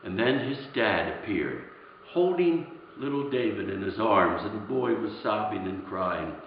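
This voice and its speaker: A man as a gentle, earnest Santa Claus. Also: fairly low pitch, animated, slight background noise. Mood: tender. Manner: soft-spoken, earnest, halting repetitions. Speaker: Santa performer. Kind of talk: heartfelt storytelling address. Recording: echoey room, dull lo-fi sound.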